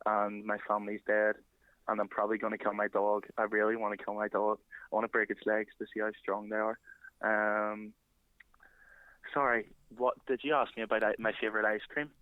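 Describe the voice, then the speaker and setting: Casting: man as an unhinged call-in guest, flat delivery, low voice, muffled line. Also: a little fast, dry recording, close to an everyday voice. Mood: deadpan. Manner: rambling, flat and matter-of-fact. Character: deadpan unhinged male caller Robert. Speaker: prank caller.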